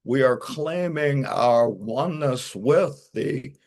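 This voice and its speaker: A man's voice: mid-range voice, expressive, slow pace, a little mellow. A man preaching a sermon as pastor, telling a story and acting out what a friend said to him.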